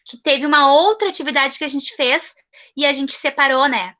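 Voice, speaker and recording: A high, very bright woman with a Brazilian Portuguese accent leads an online class for young children. She speaks patiently, repeats each child's answer slowly and gives praise, heard through a computer mic on a video call. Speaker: primary school teacher.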